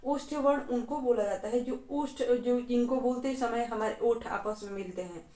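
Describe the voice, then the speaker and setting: A woman's voice: fairly high pitch, normal speed, dark tone. Patient woman teacher, echoey room. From Bihar, India. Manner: patient, step by step, often says "theek hai". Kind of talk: exam-prep lesson.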